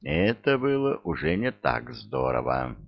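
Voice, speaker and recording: A man reading a storybook aloud with slow, even delivery and a gravelly voice. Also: rumbling low, lo-fi sound. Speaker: audiobook narrator.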